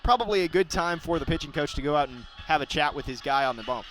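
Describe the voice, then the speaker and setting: A young adult man calls a baseball game live as the play-by-play announcer, speaking fast, describing each pitch, and getting excited on big plays.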